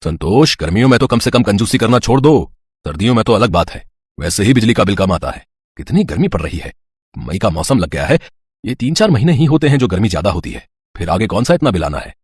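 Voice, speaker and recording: A man voicing an easygoing older husband in a cartoon, talking in a calm, coaxing way. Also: fairly low pitch, fast talker, breathy edge, dry recording, clean studio sound, pitched below the performer's own voice.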